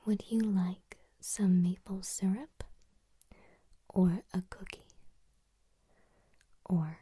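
A woman in her twenties doing whispered role-play as an ASMR coach, speaking in a breathy, soothing, soft bedside voice very close to the mic. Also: mid-range voice, steady tone, drawn-out words, no echo. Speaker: ASMR host leading vocal warm-ups. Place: small room at home, indoors. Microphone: close to the mic, leaning in.

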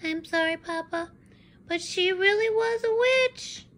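A woman's voice: very high-pitched, a little slow, a bit bright, pitched above the performer's own voice. A woman voicing an eager, childlike little red chicken daughter, pleading and exclaiming, in a picture-book read-aloud. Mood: sorry, insistent.

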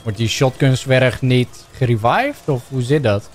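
A young man with a Dutch accent giving excitable gameplay commentary, shouting and yelping playfully as he plays. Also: measured pace, a little hiss or hum. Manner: shouty, playful, bursts into silly high yelps. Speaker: gaming YouTuber.

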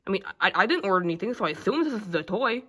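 A woman's voice: mid-range voice, animated, racing, fairly bright tone, husky. A woman voicing Sylvester, a stingy male caretaker in a plush toy video, who grumbles and stammers a lot. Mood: grumbling.

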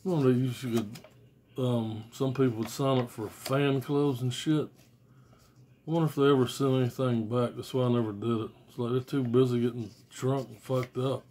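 In a small room at home, an American man in his forties reviews albums on video, chatting casually and unscripted to the camera in a blunt, slangy way with swearing. His mid-range voice is mellow, with fairly even intonation and normal speed. The noisy phone or tablet recording, made at arm's length, has clicks.

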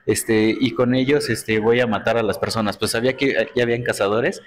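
A man joins a relaxed chat, quick to jump in with jokes. His voice sits at a middle pitch, with a faint hum of noise behind him. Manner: playful, jumps in with jokes. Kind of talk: casual chat.

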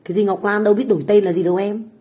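Racing yet mellow, her medium-pitched voice keeps a fairly even intonation. She is a middle-aged Vietnamese livestream host and food stall owner, speaking from a home kitchen abroad and chatting casually with viewers in a brash, profane, provoking manner.

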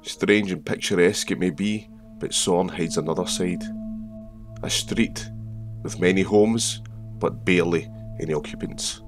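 A man, a regular explorer vlogger, who narrates calmly and then talks in a low-key, matter-of-fact way while walking outdoors. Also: unhurried. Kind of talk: scripted narration and walking commentary. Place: outdoors, village and graveyard. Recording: music behind the voice.

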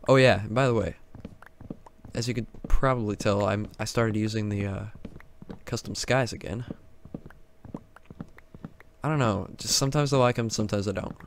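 A man's voice: fairly low pitch, slight background noise. A man casually commenting on his Minecraft game, talking to himself and the mobs, with frequent exclamations. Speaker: gaming YouTuber.

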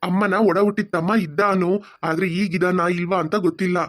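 A woman doing a fast-talking gentle cartoon dad. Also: on the low side, fairly even intonation, lightly acted. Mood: soothing. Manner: soothing, quick talker. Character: gentle father, calm and patient. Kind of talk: cartoon voice acting.

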